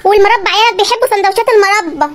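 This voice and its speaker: A performer doing an exasperated Egyptian housewife, shrill and fast. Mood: pleading. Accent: Egyptian Arabic. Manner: complaining, pleading, exclaiming. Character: exasperated Egyptian wife and mother, shopping. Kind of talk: comedy sketch dialogue.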